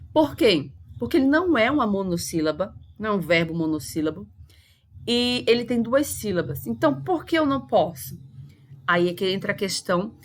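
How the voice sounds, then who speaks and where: A woman English teacher, a Portuguese speaker, explaining a grammar lesson patiently and going over each point again. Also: mid-range voice. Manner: patient, repeats and spells out points.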